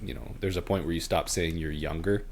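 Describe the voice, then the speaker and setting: A man's voice: low-pitched, steady tone, a little fast, slight background noise. A man in his thirties hosting a casual gaming podcast, leading the talk and laughing often. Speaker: podcast host. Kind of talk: casual chat.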